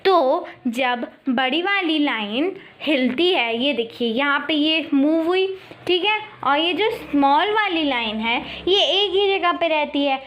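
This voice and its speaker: A young woman explaining maths in a friendly, playful way, reading definitions slowly. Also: high voice, lively intonation, dull audio. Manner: friendly and playful, slow careful English definitions. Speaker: maths teacher. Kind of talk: chatty classroom explanation.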